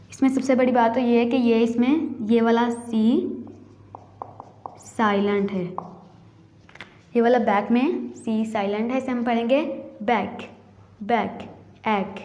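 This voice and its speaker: A woman with a fairly high voice gives a phonics lesson for young kids. She talks at an unhurried pace and repeats each word several times, drawing out the vowels so children can follow. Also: a little mellow, reverberant. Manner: repeats each word slowly, stretching the sounds. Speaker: English teacher.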